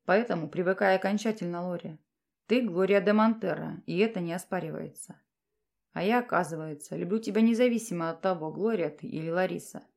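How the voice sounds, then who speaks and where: A woman reading aloud puts on a proud male commander from a romantic fantasy audiobook. His voice sits low and quiet, gentle in affection and firm and curt when he commands. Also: brisk, gravelly. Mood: tender. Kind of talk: audiobook character voice.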